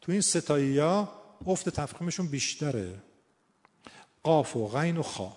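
A man's voice: on the high side, big pitch swings, a little mellow. A male teacher giving a lesson on Quran recitation, explaining pronunciation and then demonstrating sounds by repeating and drawing out syllables. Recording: long reverb in a hall.

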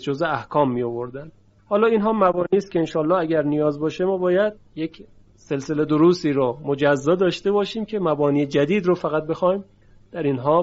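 A man with a somewhat high voice gives a tajwid lesson. He explains patiently and stretches out example words to show each sound clearly. The recording is dull and lo-fi. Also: a little mellow. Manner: explanatory, drawn-out demonstration of sounds. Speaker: Quran recitation teacher.

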